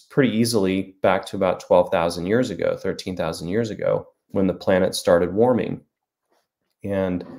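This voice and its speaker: His voice is lowish, creaky and a little mellow. The man, a forties-aged author, runs a casual livestream from a small room at home via a desk webcam, responding to viewer comments with rambling, self-deprecating remarks.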